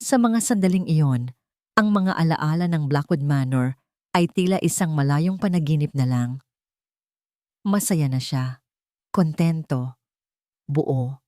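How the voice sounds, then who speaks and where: A woman with a Filipino accent narrates a scripted romance story in measured, dramatic phrases. Her low, warm voice is recorded in clean studio sound with no echo.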